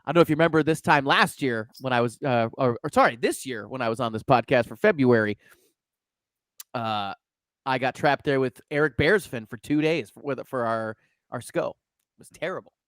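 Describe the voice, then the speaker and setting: A man's voice: mid-range voice, moderate pace, fairly bright tone, no echo. A man co-hosting a casual sports podcast, joking and laughing often. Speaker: podcast co-host.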